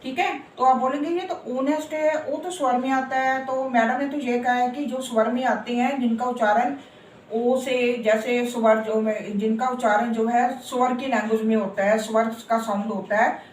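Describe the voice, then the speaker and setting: A woman with a somewhat high voice teaches a grammar lesson. She says key words over and over, stretching them out, and keeps asking the listener to agree. She is recorded from some distance in a roomy, echoey space with faint noise behind her. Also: fairly even intonation. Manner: repeats words slowly and asks for agreement. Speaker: English teacher. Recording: echoey room from far off.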